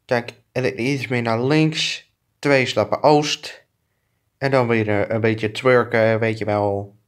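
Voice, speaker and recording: A man's voice: medium pitch, steady tone, slow, lightly acted. A man improvising a comic fan dub of two clumsy adult male neighbors who bicker, trading crude insults and swearing. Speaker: fan dubber.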